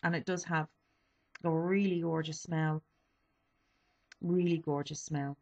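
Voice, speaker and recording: The recording has a lo-fi sound, carrying a woman's low voice with fairly even intonation and a slightly slow pace. She's a beauty vlogger in her twenties, a little sniffly, chatting casually through a beauty haul review with many ums and self-corrections.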